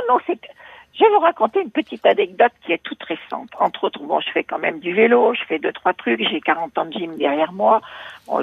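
Woman, 80s, caller on a phone line. Husky and lively, with her pitch swooping all over. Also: dry recording. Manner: lively and chatty, with big swings in pitch. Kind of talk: phone-in confiding chat.

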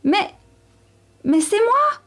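A woman's voice: very high voice, big pitch swings, very slow, fairly bright tone, faint music behind, voice pushed up, exaggerated voice. A woman voicing a small frightened male squirrel who stammers in panic. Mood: panicked.

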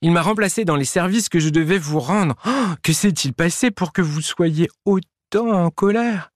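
A man voicing a gentle, dreamy male hippo who speaks sheepishly in a children's storybook. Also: medium pitch, normal speed, dry recording, studio quality, pitched above the performer's own voice, close to an everyday voice. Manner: sheepish, apologetic.

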